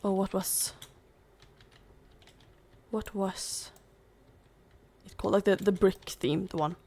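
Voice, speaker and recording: A young adult gaming YouTuber speaks slowly in a mid-range, slightly mellow voice with fairly even intonation, slight background noise behind her. She chats casually over gameplay, rambling and leaning on "like" constantly, her voice strained and giving out.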